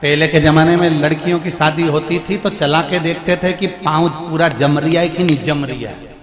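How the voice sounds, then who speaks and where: A man's voice: fairly high pitch, moderate pace. A man preaching a devotional sermon at a live event, pleading and emphatic, full of rhetorical repetition. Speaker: katha preacher. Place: large hall, live event. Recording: echoey hall with music behind.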